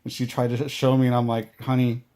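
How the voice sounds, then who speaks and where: A man chatting casually on a family vlog, telling stories in a relaxed, matter-of-fact way. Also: mid-range voice, brisk. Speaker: adoptive parent, vlogger. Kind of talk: casual chat.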